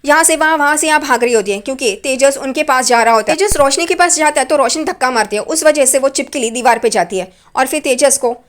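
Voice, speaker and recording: With a high voice, quick pace, and few pauses, a woman retells a TV serial episode against slight background noise. The narration is casual and chatty, loosely told and full of repeated "here" fillers.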